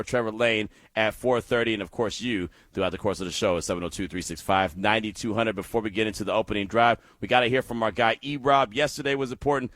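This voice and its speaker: A man hosting a sports talk radio show, animated and laughing as he tells stories. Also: lowish voice, no room sound. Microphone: studio microphone.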